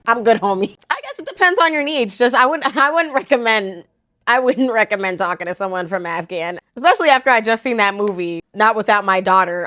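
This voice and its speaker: A woman's voice: a little high, a bit bright. Sarcastic young woman reacting casually. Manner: sarcastic, blunt and slangy. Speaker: commentary host.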